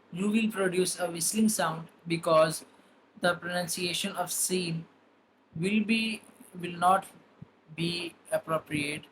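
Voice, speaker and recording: A man's voice: sits high, noisy background. A man teaching the Arabic alphabet, saying each letter name twice and explaining patiently how it is pronounced. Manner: spells out letter names one by one, repeating each twice. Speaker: Quran reading teacher. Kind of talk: slow pronunciation lesson.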